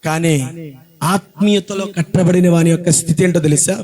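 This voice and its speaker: A man preaching a sermon as pastor, full of rhetorical questions and repeated phrases that swell into shouted, sung-out climaxes. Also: high-pitched, fairly even intonation, normal speed.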